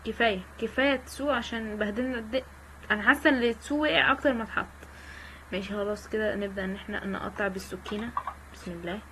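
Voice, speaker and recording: A woman's voice: mid-range voice, fairly even intonation, fast talker, fairly bright tone, a little hiss or hum, poor audio. A woman with an Egyptian Arabic accent giving casual, joking let's-play commentary and chatting with her viewers. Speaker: gaming channel host.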